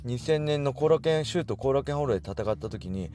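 A man in his forties talks in a casual, easygoing way on his own show, reading listener letters and often pausing on fillers. His voice sits in a middle range. A faint guitar plays quietly behind him. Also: mid-range voice, animated. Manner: loose and chatty, many fillers. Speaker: podcast host and fighting gym owner.

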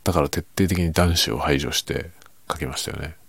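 A man chatting casually and quietly by himself late at night, musing and giving his opinions in a low-key way with softened sentence endings. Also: steady tone, brisk, husky, no echo. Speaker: writer chatting as host.

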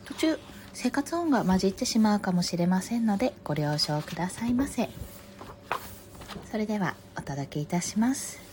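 A woman hosting a morning live stream, speaking softly and very politely and reading picture books aloud. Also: medium pitch, animated, normal speed, a little hiss or hum. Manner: soft, very polite, gentle.

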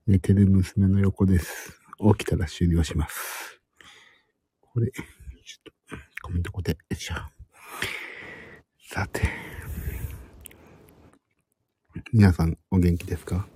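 A middle-aged man speaking in a hushed, husky half-whisper, chatting casually and haltingly to live stream viewers. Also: low voice, little pitch movement, dry recording. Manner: rambling, hesitant, searching for words. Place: at home in a room beside a sleeping child.

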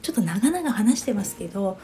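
A woman's voice: mid-range voice, sing-song, fairly quick, mellow. A woman in her fifties hosting a podcast, telling a story casually in a chatty way and often asking listeners what they think. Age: 50s. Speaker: podcast host.

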